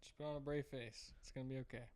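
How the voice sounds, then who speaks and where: A man's voice: mid-range voice, steady tone, quick pace, darkish tone, clear, resonant tone. A man co-hosting a podcast in casual, joking chat, swearing freely and riffing with the others. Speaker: podcast co-host.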